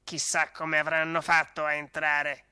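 A storyteller voicing a tough little dog with a fang, a gruff brawler who growls out swaggering threats. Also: medium pitch, completely flat delivery, measured pace, bright, forceful tone, no echo, studio quality. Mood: reassuring. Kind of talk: storybook reading.

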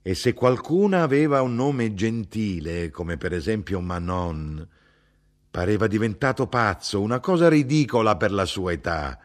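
A man reading the part of a blunt, indignant middle-aged mother who talks in a sharp, insistent way. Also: animated, normal speed, natural voice. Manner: sharp, insistent, rising in pitch.

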